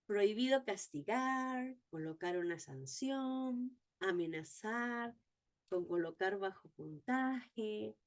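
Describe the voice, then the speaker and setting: A woman teaching an exam-prep lesson, reading English terms slowly and repeating key points. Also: mid-range voice, lively intonation.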